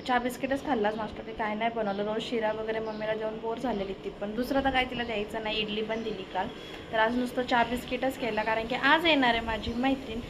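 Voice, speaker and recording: Vlogger, young woman, Marathi accent, casual chatty narration, slightly high pitch, background noise audible. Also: steady tone, quick pace. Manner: chatty, coaxing a toddler in a high playful voice. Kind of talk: casual daily vlog chat. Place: home. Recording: noisy home recording.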